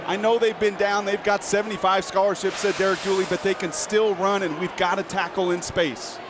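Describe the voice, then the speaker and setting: A man's voice: sits high, little pitch movement, fairly quick. A man giving live American football analysis in clipped, punchy phrases as a broadcast commentator. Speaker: colour analyst. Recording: loud stadium crowd noise. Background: roaring stadium crowd.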